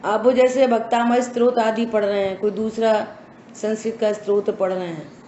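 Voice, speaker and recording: A woman's voice: a little high, fairly even intonation, warm tone, lo-fi sound, slight background noise. A woman giving a scripture study lesson, speaking emphatically and asking her listeners rhetorical questions. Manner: slow, emphatic instructive delivery with rhetorical questions. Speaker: religious teacher. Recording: echoey room with faint ambience.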